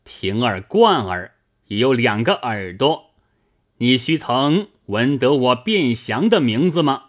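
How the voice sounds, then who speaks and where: A man's voice: medium pitch, sing-song, takes it slowly. A man reading out the scornful boast of a proud enemy general.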